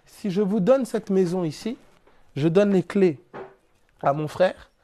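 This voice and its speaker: A Frenchman gives a spiritual teaching talk, explaining through everyday examples and rhetorical questions in a plainspoken, casual way with casual turns of phrase. His voice sits high, a little slow, with a dark tone.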